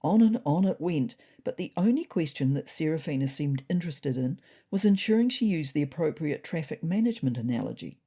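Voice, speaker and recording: A woman voices a wry, observant cat narrating a scripted comic diary story. Her husky, expressive voice sits low and moves a little fast with few pauses, and the performance is heavily acted.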